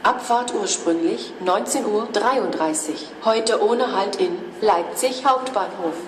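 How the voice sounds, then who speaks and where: A woman giving flat, formulaic automated railway platform announcements in separate phrases over a station loudspeaker. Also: medium pitch, slow pace. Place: train station concourse or platform. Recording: echoey station loudspeaker from far off, noisy. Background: station ambience noise.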